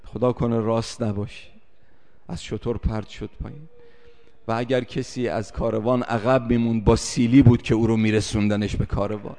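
A man's voice: medium pitch, steady tone, dark tone. Impassioned male eulogist in a reverberant hall. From Tabriz, Iran. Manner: impassioned, chanting lament. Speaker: mourning eulogist. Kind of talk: mourning sermon with elegy.

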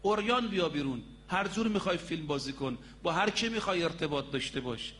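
Preaching in a slightly high, somewhat bright voice with lively intonation, this man tells emphatic stories. He stretches important words and addresses the audience directly.

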